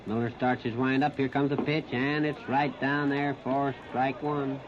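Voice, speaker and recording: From the broadcast spot behind home plate at an open-air ballpark, an American radio announcer covers a 1939 baseball game live. He uses a flat, medium-pitched delivery in short clipped phrases with pauses, and the 1930s disc recording sounds muffled and noisy.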